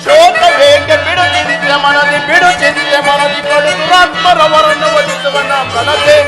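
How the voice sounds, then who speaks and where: A man playing the mighty prince Bhima in a village stage drama, singing drawn-out verses and declaiming to his wife. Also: very high-pitched, steady tone. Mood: consoling, sung. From Karnataka. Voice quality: sings drawn-out verses, declaims dialogue in bursts. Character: mighty prince Bhima, devoted protective husband. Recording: live stage recording over loud music.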